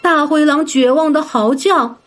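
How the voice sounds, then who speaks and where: A woman narrating a children's story in a gentle, sing-song manner, addressing young listeners. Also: sits high, a little slow. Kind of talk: scripted bedtime story narration. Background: soft background music.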